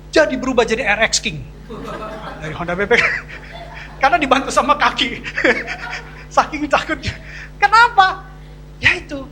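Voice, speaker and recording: A preacher giving a lively sermon at a church service, asking the congregation questions and telling humorous everyday stories. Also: medium pitch, a little hiss or hum.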